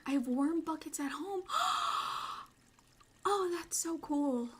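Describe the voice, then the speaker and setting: A young adult woman streamer in quiet, casual ASMR chat, playful and rambling, sometimes dropping into soft whispers. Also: sits high, moderate pace, background noise.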